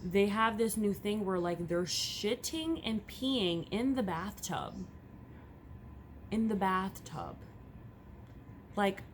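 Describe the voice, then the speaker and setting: A woman's voice: medium pitch, slight background noise. A young woman, a first-time mother, talking candidly and a bit rambling in a casual vlog at home. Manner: candid, rambling, swings between hushed and loud. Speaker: vlogger, first-time mom.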